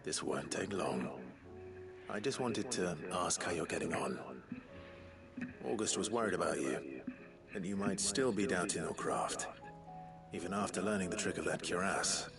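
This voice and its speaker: An actor playing a calm, caring male hero in a video game, speaking gently and with concern. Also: low voice, normal speed, gravelly, long pauses. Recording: game audio over music.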